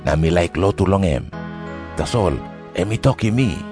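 A man's voice: sits low, lively intonation, moderate pace. A man with a Papua New Guinean accent gives a scripted narration of scripture, with music behind him.

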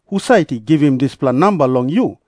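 Suspicious Papua New Guinean priest, mellow. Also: male voice, on the high side, animated, fairly quick, no room sound, studio quality. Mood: demanding. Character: challenging, suspicious male chief priest. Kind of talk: scripted audio Bible drama.

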